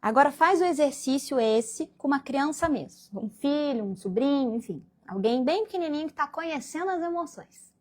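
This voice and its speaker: A woman's voice: high-pitched, animated, normal speed, darkish tone. A woman from Brazil giving a spiritual lecture to a congregation, acting out little scenes in different voices as she goes. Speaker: guest speaker at a Spiritist meeting.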